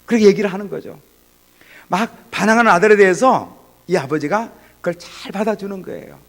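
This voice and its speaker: A male pastor delivers a sermon in a slightly high voice. He brings the story to life by speaking the characters' lines himself, swinging between raised, emphatic phrases and hushed, gentle ones. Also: fairly quick. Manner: acts out the father and son in dialogue, swinging from loud to hushed.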